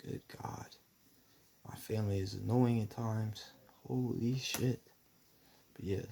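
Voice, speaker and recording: A man's voice: lowish voice, fairly even intonation, takes it slowly, creaky, mellow, a little hiss or hum. A young man talking in a rambling personal monologue, meandering with many fillers and restarts. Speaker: vlogger.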